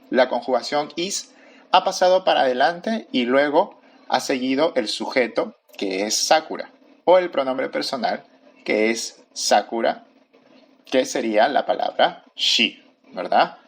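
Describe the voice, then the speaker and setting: A man teaching a recorded grammar lesson, speaking slowly and deliberately and repeating each form. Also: mid-range voice, animated, husky. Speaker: English teacher.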